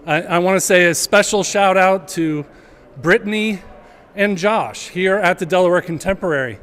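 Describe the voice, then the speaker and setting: A man with a notably high voice addresses a gallery gathering in a relaxed, unscripted way. He pushes his voice out to reach the room and pauses often to find his words. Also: clear, resonant tone. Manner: projecting to a room, hesitant with fillers. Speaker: college department chair giving remarks. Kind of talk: casual public remarks. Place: art gallery event, indoors.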